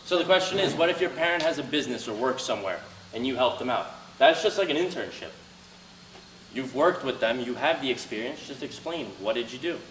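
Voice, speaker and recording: A young adult man, a native Albanian speaker, addresses students in a classroom as a guest speaker and takes their questions. His medium-pitched voice is expressive and a bit quick, earnest and motivational, loud at the start. The recording is roomy and distant with faint noise.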